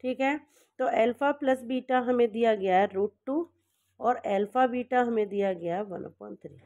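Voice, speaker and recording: Woman maths teacher, fairly high voice, works steps on the board, checks in often, corrects herself. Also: normal speed, mellow, dull audio. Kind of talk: step-by-step board lesson.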